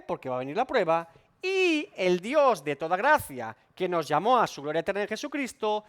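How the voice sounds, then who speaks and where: Emphatic high-voiced pastor. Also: male voice, a bit bright. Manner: emphatic, repeats and rephrases points, asks rhetorical questions. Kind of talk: expository Bible study sermon.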